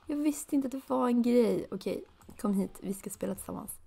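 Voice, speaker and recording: A woman giving casual let's play commentary, chatty, with sudden excited high bursts and soft asides. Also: creaky, breathy edge. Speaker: gaming video creator.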